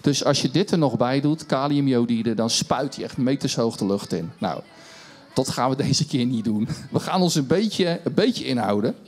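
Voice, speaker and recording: A man's voice: medium pitch, animated, normal speed, darkish tone. Upbeat middle-aged man hosting kids' church. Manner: chatty and upbeat, encouraging, self-mocking. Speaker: children's church presenter. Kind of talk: lively kids' show science demo. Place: church stage. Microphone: handheld mic.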